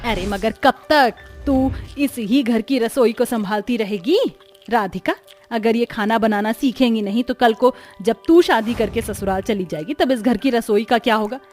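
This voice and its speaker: A woman playing a sharp-tongued middle-aged mother-in-law in a cartoon family tale, forever scolding and sneering. Her voice sits fairly high, with faint music beneath. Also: moderate pace, natural voice. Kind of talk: cartoon story voice acting.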